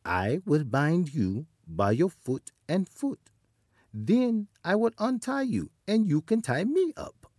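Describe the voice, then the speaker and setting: A man voicing a small, clever male spider trickster with a bright, sing-song voice. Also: fairly high pitch, sing-song, slow, no room sound, studio quality, voice pushed up, exaggerated voice. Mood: sly.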